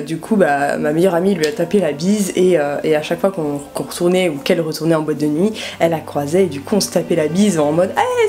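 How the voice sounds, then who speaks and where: Low-pitched young Frenchwoman telling a casual story. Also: dark tone. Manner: informal, slangy, addresses the viewer directly. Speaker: vlogger telling a personal story.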